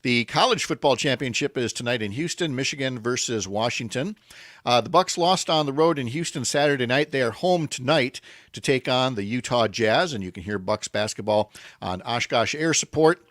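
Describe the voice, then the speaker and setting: A man hosting a talk radio show, joking in lively banter and then reading a sports roundup. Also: medium pitch, dry recording, studio quality. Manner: animated, jokey banter with quick excited exclamations. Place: home by a lake window.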